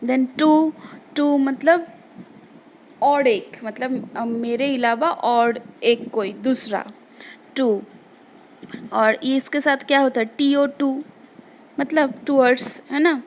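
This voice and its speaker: A woman teaching English words to children, slowly spelling them out letter by letter and explaining their meanings. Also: sits high, fairly even intonation, a little hiss or hum. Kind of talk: remote English lesson for children.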